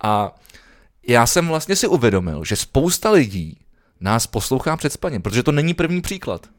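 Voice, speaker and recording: A man's voice: medium pitch, very animated, no echo, clean studio sound. A young man from Prague co-hosting a podcast, chatting casually and rambling with frequent jokes and laughs. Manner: joking, rambling, laughs often. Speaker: podcast co-host. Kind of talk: casual chat.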